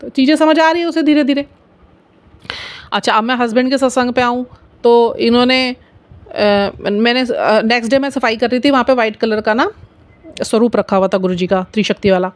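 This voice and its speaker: A woman's voice: a little high, normal speed. A middle-aged woman tells devotional stories of her faith to viewers, earnestly slipping English words into her Hindi. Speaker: spiritual storyteller.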